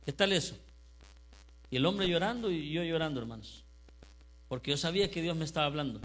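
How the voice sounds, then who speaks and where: A male pastor preaching a sermon in church. He speaks with impassioned fervor, builds to loud emphatic declarations, and keeps asking the congregation questions. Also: fairly high pitch, brisk, low-quality recording.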